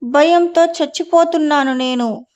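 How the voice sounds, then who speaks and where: A woman's voice: high voice, measured pace, a little mellow. A woman voicing a frightened young woman. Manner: urgent, anxious calling out. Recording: dull lo-fi audio.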